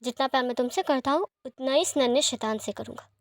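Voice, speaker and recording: With studio quality and no room sound, a high-voiced woman reads fan fiction, voicing a young man who dotes on and teases the listener. His lines come out soothing, fond, and reassuring, at times quick.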